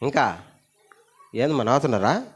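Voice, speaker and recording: A male pastor giving a sermon in a church, calling the congregation to repeat his words and to shout them louder. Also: animated, moderate pace, breathy edge. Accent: Telugu. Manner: calls the congregation to repeat and shout, pitch climbing loud. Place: church hall.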